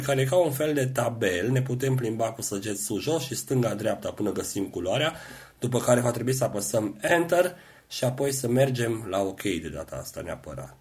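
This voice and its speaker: A middle-aged man patiently teaching a computer lesson, explaining each keystroke step by step. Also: mid-range voice. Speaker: computer skills instructor.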